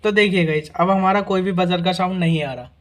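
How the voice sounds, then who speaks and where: Brisk and high-pitched, with fairly even intonation, a man demonstrates a repair in a casual, hands-on way. He explains each test in order and keeps checking in with "guys" and "theek hai na."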